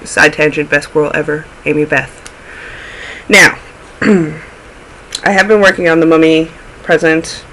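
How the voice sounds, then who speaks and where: Sounding snuffly from a cold, a man hosts a chatty knitting video podcast, rambling through his projects with plenty of tangents in casual show-and-tell. His fairly high voice is bright and forceful, in a low-quality recording.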